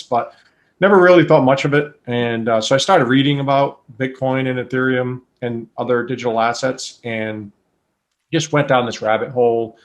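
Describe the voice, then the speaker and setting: A man in his forties, born in Colombia and raised in New England, talking through his career in a thoughtful, methodical way. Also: mid-range voice. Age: 40s. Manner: thoughtful, methodical, with frequent restarts and fillers. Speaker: guest, engineer. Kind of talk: casual interview.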